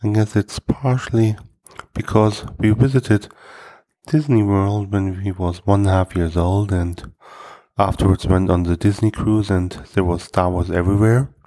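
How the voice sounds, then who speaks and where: A man hosting a comedy podcast, telling self-deprecating stories and jokes in a dry, deadpan delivery. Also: fairly low pitch, moderate pace. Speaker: podcast host.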